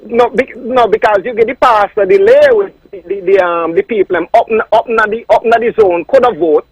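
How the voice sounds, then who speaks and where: A man with a Kittitian and Nevisian Creole accent calling a radio show on a dull phone line, arguing in a halting, repetitive, insistent way. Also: sits high, sing-song, breathy edge, no room sound. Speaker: caller.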